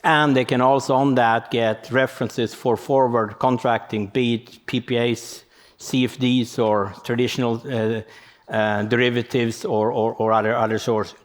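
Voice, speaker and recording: A man's voice: medium pitch, little pitch movement, moderate pace. Man presenting in a reverberant hall. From Sweden. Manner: explanatory, thinking aloud. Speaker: conference speaker. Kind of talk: conference presentation. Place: conference venue hall.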